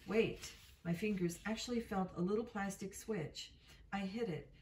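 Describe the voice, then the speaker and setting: A woman's voice: medium pitch, moderate pace, a little mellow, a little hiss or hum. A woman reading a novel aloud in an unpolished way, with slips and self-corrections. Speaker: reader. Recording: roomy, mic at a distance.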